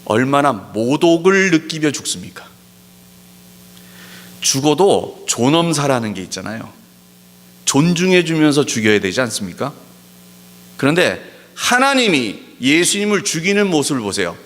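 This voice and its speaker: A man preaching a sermon as pastor, pressing his points with emphatic rhetorical questions and slowing down to stress key words. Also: fairly high pitch, big pitch swings, fairly bright tone. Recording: long hall reverb.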